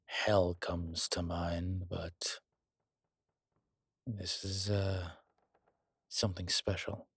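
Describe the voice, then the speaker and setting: This studio-quality clip features a male actor heavily performing a suave, wry incubus for an intimate audio roleplay. His low-pitched, husky and breathy voice is a bit bright, with a flat delivery that is deliberate, polished and teasing. There's no room sound, and the feel is teasing and dry.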